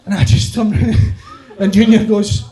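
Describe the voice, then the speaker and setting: A man's voice: sits high, level tone, normal speed, heavy background noise. A middle-aged Glaswegian man doing rowdy, sweary stand-up storytelling, laughing as he tells it. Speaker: stand-up comedian.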